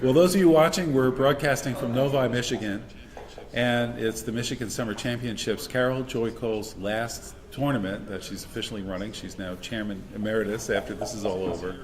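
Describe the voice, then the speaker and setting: A man from Texas giving relaxed, chatty live commentary on a backgammon tournament, laughing often. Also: medium pitch, fairly quick. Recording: crowd noise in the background.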